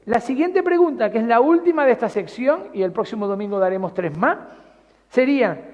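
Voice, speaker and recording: Pastor guy with a really high voice, chatty sermon, dull recording with a long hall echo. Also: animated, a little fast. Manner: conversational preaching, rhetorical questions to the congregation.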